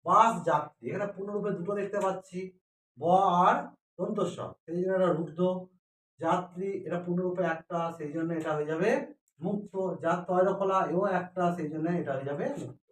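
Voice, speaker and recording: Man, high voice, grammar teacher, asks and answers his own questions, echoey room. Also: steady tone, brisk, a little hiss or hum. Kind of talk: classroom grammar lesson. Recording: echoey room, mic far off.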